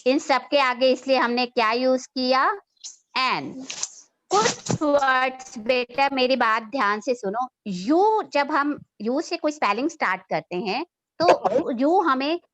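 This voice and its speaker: A woman schoolteacher giving an online English grammar class, speaking slowly and patiently, repeating points and checking that students follow. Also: high-pitched, a bit bright, a little hiss or hum. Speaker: school teacher. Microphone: online class, computer mic.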